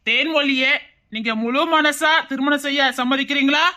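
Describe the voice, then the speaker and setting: Pastor officiating a wedding, played by a woman. Bright, forceful and slow. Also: sits high, steady tone. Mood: solemn. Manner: slow, formal officiating cadence. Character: male church pastor performing a wedding. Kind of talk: Tamil web-series drama acting.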